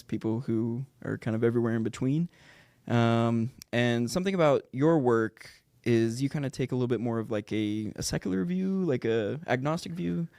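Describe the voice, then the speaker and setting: A man's voice: mid-range voice, gravelly, a little mellow, no room sound. Casual podcast host man, dry sound. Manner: casual, laughs easily, reads an intro. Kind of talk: casual podcast chat and intro. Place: studio.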